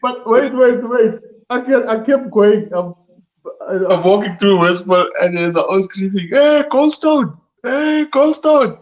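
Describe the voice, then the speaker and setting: A man's voice: high-pitched, fairly even intonation, measured pace. Laughing Durban-accented man telling stories. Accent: South African English, Durban. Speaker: co-host. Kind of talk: casual storytelling chat. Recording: muffled mic.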